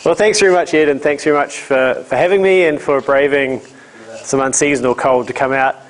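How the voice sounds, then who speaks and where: A man's voice: mid-range voice, steady tone, fairly quick, slight background noise, rough recording. A man with a thick New Zealand accent giving an informal, dryly humorous illustrated lecture. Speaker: guest lecturer, ecology professor. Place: lecture room, speaking to a small audience.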